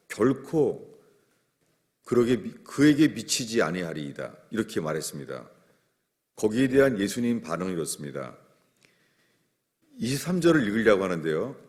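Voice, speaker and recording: A male preacher with a low voice and lively, swooping intonation, delivering a sermon. He explains scripture verse by verse and acts out the lines he quotes. A long reverb trails each phrase, as if recorded in a large hall.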